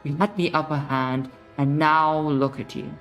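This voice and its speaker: Woman as a low-voiced, stern game narrator. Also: steady tone, measured pace, music in the background. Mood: grave. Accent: British. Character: stern, grave storybook narrator warning the hero.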